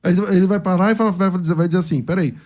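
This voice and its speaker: A man's voice: high voice, very fast. A man with a Brazilian accent, debating a point of scripture and arguing it with energy. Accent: Brazilian Portuguese. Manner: argumentative, lively, quotes scripture with changing intonation. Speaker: pastor in a debate. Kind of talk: theological debate.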